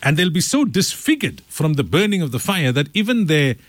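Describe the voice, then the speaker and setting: A man teaching a Quran commentary class, reciting Arabic verses quickly and then explaining them in English with animated delivery. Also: a little high, dry recording.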